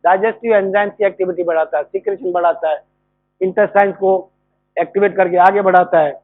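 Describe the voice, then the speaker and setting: Man, measured classroom explainer with a high voice; dry, tinny phone-quality audio. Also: fairly even intonation, no echo. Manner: explanatory, poses rhetorical questions and answers them. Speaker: medical college lecturer. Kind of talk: classroom lecture.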